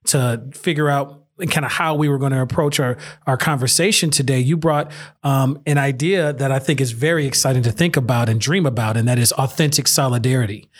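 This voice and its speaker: A man hosting a podcast, speaking in a halting way with many restarts. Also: medium pitch. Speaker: podcast host. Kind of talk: casual podcast conversation.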